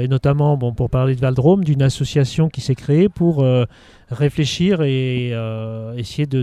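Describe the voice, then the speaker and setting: A middle-aged man from Haute-Savoie answers interview questions as a local official. He speaks haltingly, restarting phrases and filling gaps. His voice is very dark and mellow, recorded dry and close. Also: mid-range voice, dry recording. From Haute-Savoie, France. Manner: hesitant, many restarts and fillers. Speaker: local government official managing outdoor sites.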